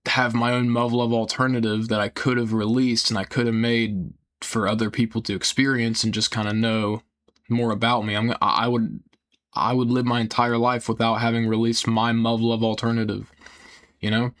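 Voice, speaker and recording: A young man talking casually and earnestly in a rambling, halting way that often trails off, with some casual swearing. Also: mid-range voice, little pitch movement, fairly bright tone. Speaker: video creator. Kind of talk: casual rambling personal talk.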